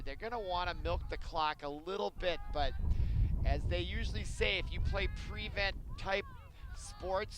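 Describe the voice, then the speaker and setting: Male play-by-play commentator, high pitch, bright forceful tone, conversational explanatory asides, live outdoor field commentary. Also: slight background noise. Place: outdoors beside a sports field.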